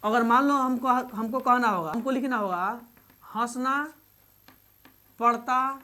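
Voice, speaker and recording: A woman teaching English grammar in Hindi. She repeats each example slowly and quizzes the learners as she goes. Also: a little high, pushed and bright. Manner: addresses learners fondly as "babu". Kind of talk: Hindi-medium classroom grammar lesson.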